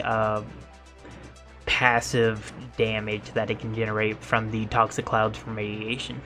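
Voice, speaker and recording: Man, tired, monotone, casual gaming commentary, blunt, lots of filler pauses, mid-range pitch. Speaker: gaming video creator. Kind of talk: tier list commentary.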